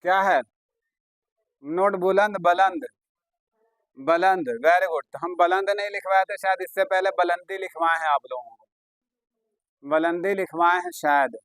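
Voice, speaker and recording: Guy teaching urdu words, kinda high voice, talks chatty and coaxing, lots of praise, dry close sound. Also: steady tone, normal speed, a bit bright, no echo. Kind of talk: classroom lesson.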